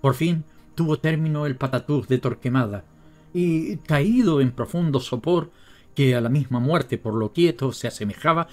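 A man with a Latin American Spanish accent narrating a classic novel in a steady, dramatic storytelling manner. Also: mid-range voice. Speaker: audiobook narrator. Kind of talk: scripted literary narration.

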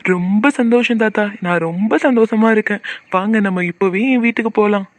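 A man's voice: high voice, brisk, dry recording, lightly acted. A man voicing a kind, humble young man in a cartoon, who speaks in an earnest, pleading way.

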